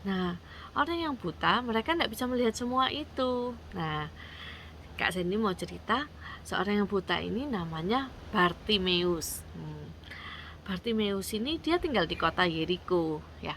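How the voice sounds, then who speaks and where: A young woman tells a Bible story to children in a lively, coaxing voice. Her tone is bright and forward. A faint hiss of noise sits under the recording. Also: medium pitch, unhurried.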